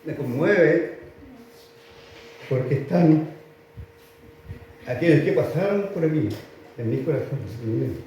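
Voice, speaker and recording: A man with a Chilean accent preaching a sermon emphatically and repetitively, often rising to loud exclamations in a church hall. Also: on the high side, animated, slow, pauses often, far from the mic, a little hiss or hum. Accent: Chilean Spanish. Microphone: filmed for online viewers.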